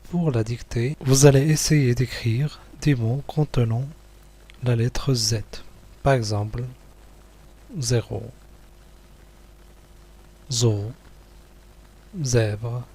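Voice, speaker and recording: A man teaching young pupils, going slowly through a worksheet, repeating each word and praising answers. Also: mid-range voice, steady tone, mellow, slight background noise. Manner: slow, patient, repeats words and praises answers.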